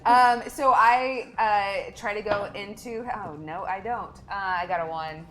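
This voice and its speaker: A woman playing a tabletop hero, hesitant and halting with frequent laughs. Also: medium pitch, fairly bright tone. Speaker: player. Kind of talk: tabletop role-play.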